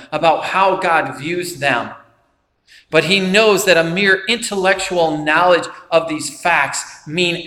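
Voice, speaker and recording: A man's voice: fairly high pitch, bright, forceful tone, reverberant, long reverb tail. A man preaching a sermon, retelling a film scene with quoted dialogue. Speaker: pastor.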